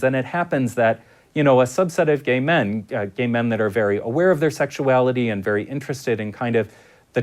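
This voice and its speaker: Calm analytical male speech expert, ordinary mid voice. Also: mid-range voice. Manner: measured, analytical. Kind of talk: interview explanation.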